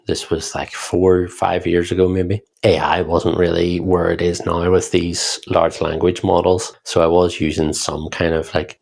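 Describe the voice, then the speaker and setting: A man with a Northern Irish accent, co-hosting a podcast and calmly explaining how he built his business. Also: deep voice, gravelly. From Northern Ireland. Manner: reflective, explanatory, steady. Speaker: podcast co-host, founder. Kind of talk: casual podcast conversation.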